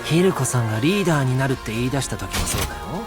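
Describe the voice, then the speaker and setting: A male voice actor playing a calm, menacing teenage villain in a game, speaking softly and coldly as he confesses his crimes. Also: medium pitch, very fast, close to an everyday voice. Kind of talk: Japanese game voice acting. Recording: game audio under loud music. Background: loud background music.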